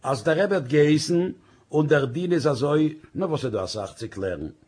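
A man reading a story aloud in an expressive storytelling manner. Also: on the high side, normal speed, breathy edge.

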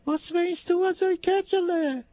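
A shrill clucking hen. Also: male voice, steady tone, measured pace, warm tone, dry recording. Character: kindly old hen, fussy and clucking.

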